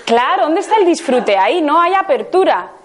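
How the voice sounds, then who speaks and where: A woman's voice: high-pitched, big pitch swings, moderate pace. A woman from Spain with a Spain Spanish accent, leading a live laughter workshop, coaxing the group with questions and bursts of laughter. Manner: bursts into laughter exercises, loud "ja" calls.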